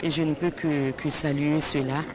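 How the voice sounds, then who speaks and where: A man's voice: on the high side, flat delivery, moderate pace, crowd noise. A man giving a formal interview statement, listing points one by one.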